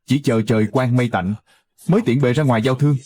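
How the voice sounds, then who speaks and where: A man voicing a frightened foreign merchant giving testimony in a dubbed drama recap, with a husky voice. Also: medium pitch, fast, darkish tone, natural voice. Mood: recounting. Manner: stammering, fearful testimony.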